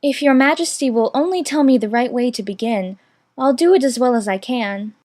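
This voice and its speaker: A man's voice: extremely high pitch, a little fast, a little mellow, voice pushed up. A man voicing a polite, earnest little storybook girl, light and girlish, with a prim, sensible, well-mannered way of speaking. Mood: polite, timid.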